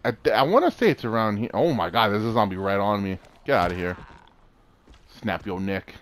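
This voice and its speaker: A man's voice: lowish voice, lively intonation, a little fast. A man chatting casually while playing a co-op game, often exclaiming and laughing. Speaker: gamer. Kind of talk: casual co-op gameplay chat.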